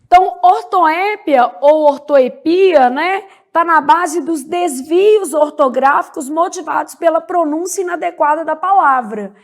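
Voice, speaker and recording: A woman teaching a grammar lesson, drawing out each example word slowly and checking in with "né?" and "beleza?". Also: sits high. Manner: slow, spells out words syllable by syllable, frequent "né?" and "beleza?". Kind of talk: grammar lecture.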